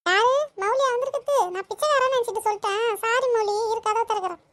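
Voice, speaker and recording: Cartoon mother, shrill and snappy, quick delivery, done by the lead voice. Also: a bit bright. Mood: whiny.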